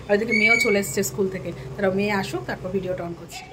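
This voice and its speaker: A woman vlogging casually from her home, chatting to viewers and scolding her daughter, her throat a little hoarse. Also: medium pitch, rapid-fire, very noisy. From Bengal. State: throat slightly hoarse lately. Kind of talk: casual home vlog chat. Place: home kitchen and bedroom.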